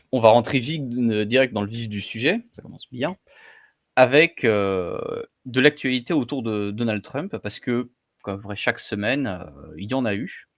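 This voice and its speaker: A man's voice: mid-range voice, no echo. Man hosting, dry close sound. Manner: brief casual prompts to the guest. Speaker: host. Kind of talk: show hosting.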